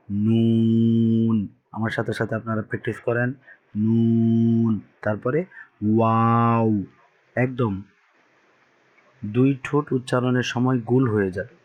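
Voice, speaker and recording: A man teaching Quran reading to beginners, patiently repeating each letter sound for learners to echo. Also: mid-range voice. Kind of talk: teaching Arabic letters with call-and-response drills.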